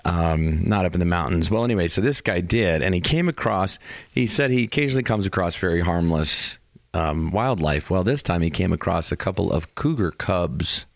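A man co-hosting a podcast in casual chat, joking and telling stories in a relaxed way. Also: low voice, normal speed, gravelly, dry recording, studio quality. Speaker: podcast co-host.

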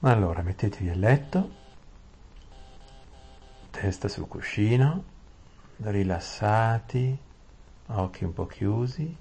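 A man reading a bedtime story aloud in a gentle, soothing way, with small restarts. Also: fairly low pitch, animated, slow pace, vocal fry, pauses often, breathy edge.

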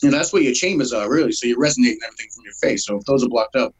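A man's voice: medium pitch, expressive, very fast, a little hiss or hum, low-quality recording. A man in his forties, a solo acoustic musician, chatting in a laid-back interview with lots of fillers and laughs, a bit congested from a cold. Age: 40s. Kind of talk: casual interview.

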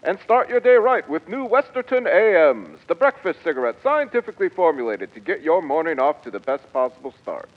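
A slick, salesy radio announcer from the golden age of radio, as a man acts him out, his voice riding high and swooping with showy lift. He keeps a smooth pitchman's polish. The sound is muffled and lo-fi, like an old broadcast. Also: sing-song, a little fast, hardly any pauses. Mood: pitching. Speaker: announcer and narrator.

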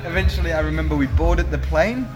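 A man's voice: on the high side, fast, muffled recording, over music. A young man guesting on a casual chat, telling anecdotes with acted-out quotes, swearing and New Zealand slang. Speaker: podcast guest.

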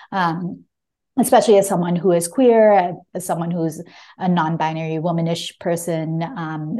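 A woman with a low, dark-toned voice appears as a guest author in a casual book talk, reading from her own memoir. She's reflective and conversational, often adding small hedges.

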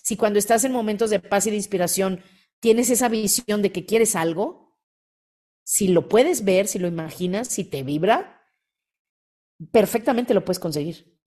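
A woman, hosting a motivational podcast and acting out quoted voices with lively energy. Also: mid-range voice, moderate pace, long pauses. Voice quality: animated, acts out quoted voices. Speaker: podcast host.

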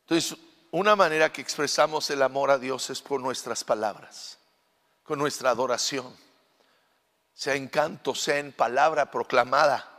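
A middle-aged man preaching a sermon as pastor, shifting from soft asides to loud proclaiming, with fillers and repeated words. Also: mid-range voice, normal speed, big-room sound.

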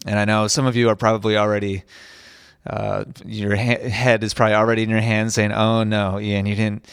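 Recorded dry and clean on a studio podcast microphone, a man with a lowish, fairly bright, clear and resonant voice talks earnestly on his solo tennis podcast. He's a tennis coach recovering from voice loss, so he sounds a bit strained and keeps restarting and repeating phrases.

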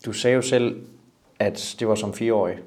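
A man interviewing a guest, asking calm, measured questions. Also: lowish voice.

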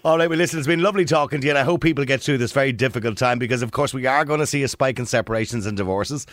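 A man's voice: mid-range voice, very fast, fairly bright tone, no echo, studio quality. A man with an Irish accent hosting a chatty radio interview in a jokey, conversational manner. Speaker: radio host.

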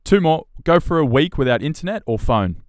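A man's voice: fairly high pitch, sing-song, fairly quick, dry recording, clean studio sound. A man hosting a podcast interview, upbeat and encouraging with his guest. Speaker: podcast host.

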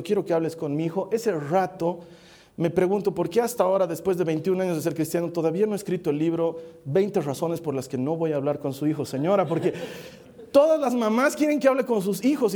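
Animated preacher man with a mellow voice. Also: sits high. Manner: confessional, animated, acts out little dialogues. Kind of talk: sermon.

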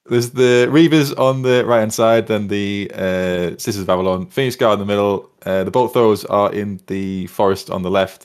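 A man casually recapping a tabletop battle, rambling and self-deprecating as he thinks aloud. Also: on the low side. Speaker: tabletop wargame player recapping games. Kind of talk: casual chat.

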